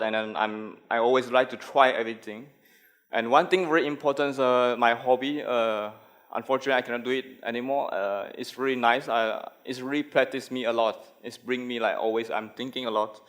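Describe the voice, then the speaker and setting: Halting Malaysian man giving a talk. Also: medium pitch. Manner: halting, many fillers and restarts. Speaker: conference speaker, graphic designer. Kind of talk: conference talk.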